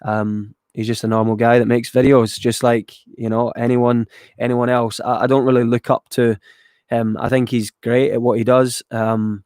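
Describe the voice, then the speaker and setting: A man's voice: mid-range voice, little pitch movement, normal speed, a little mellow, no room sound, studio quality. A Scottish man from near Glasgow reading viewer questions aloud and answering them in a loose, rambling way, with lots of ums and casual swearing. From Scotland, west of Glasgow. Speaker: YouTuber answering viewer chat.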